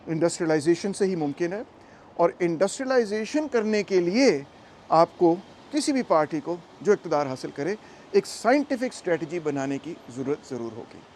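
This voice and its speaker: A man's voice: fairly high pitch, darkish tone, slight background noise. A man talking casually to his camera as he narrates a travel vlog and explains things to viewers. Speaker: vlogger and political commentator.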